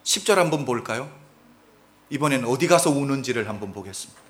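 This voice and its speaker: A man preaching a sermon as pastor, asking his congregation questions and swinging between loud outbursts and quiet asides. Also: mid-range voice, expressive, fast. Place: church sanctuary.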